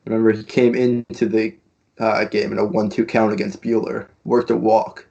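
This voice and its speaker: A man's voice: lowish voice, little pitch movement, moderate pace, creaky, dark tone, highs cut off. A man co-hosting a baseball watch party, making dry, wry stat-minded remarks. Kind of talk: casual live baseball chat.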